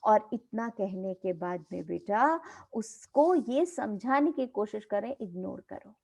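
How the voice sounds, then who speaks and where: A woman teacher explaining a story chapter to her students. She retells its dialogue and talks to them warmly as "beta". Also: medium pitch, takes it slowly, gravelly.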